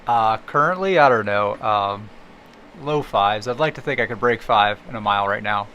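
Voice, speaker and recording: A man's voice: lowish voice, moderate pace, pushed and bright, dull audio, a little hiss or hum. A man who is a running coach, guesting on a podcast and talking modestly with frequent laughs. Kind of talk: casual podcast chat.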